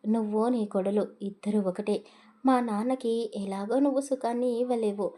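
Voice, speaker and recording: A woman's voice: fairly high pitch, steady tone, normal speed, dark tone, natural voice. A woman voicing a frustrated young village husband who talks back to his mother with resentful complaints.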